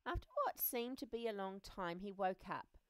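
A woman reading a children's picture book aloud, expressive, often dropping to a soft hush. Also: medium pitch, normal speed, clean tone, dry recording. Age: adult. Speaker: reader.

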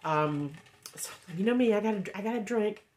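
She has an expressive, medium-pitched voice with a darkish tone and moderate pace. This Indiana woman reviews wax melts in a casual haul vlog from her home room, sounding nasal from a head cold, rambling with many ums and reading cards out loud.

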